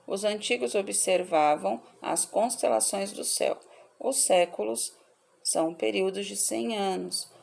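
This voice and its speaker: Woman, teacher, slow delivery, gravelly fry, correcting workbook answers. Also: medium pitch, a little mellow. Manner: slow, measured listing of words for pupils.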